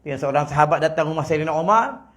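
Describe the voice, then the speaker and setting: Speaking fast with lively intonation, a Malaysian Malay preacher delivers a funny religious talk in a prayer hall. His voice is fairly high, and he teases the audience while shifting from loud to soft.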